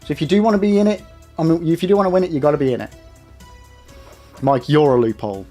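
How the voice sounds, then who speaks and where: A man's voice: fairly high pitch, quick pace, mellow, faint music behind. A young man streaming live, rambling casually and talking straight to his chat. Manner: chatty, rambling, addresses chat directly.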